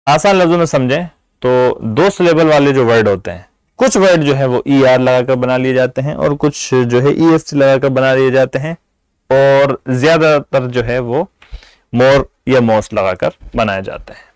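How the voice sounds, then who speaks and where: A man giving an English grammar lesson, explaining patiently in Urdu-flavoured Hindi and repeating example words slowly. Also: medium pitch, a little mellow, smooth, dry recording, low-quality recording. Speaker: English teacher.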